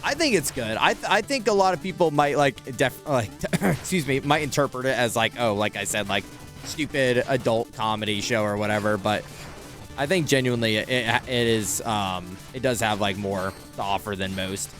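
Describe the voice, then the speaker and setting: A man's voice: mid-range voice, normal speed, a bit bright, faint music behind. A young man chatting casually while playing a video game, rambling and hesitant, with lots of fillers and swearing. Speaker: gaming streamer.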